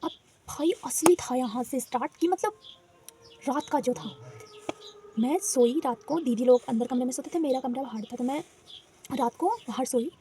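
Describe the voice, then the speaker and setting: Young woman vlogger, high voice, mellow tone, chatty storyteller, recorded a bit off-mic. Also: moderate pace, pauses often. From Uttarakhand hills. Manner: chatty, animated, fillers like "theek hai". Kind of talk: casual storytelling. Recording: distant mic with faint noise.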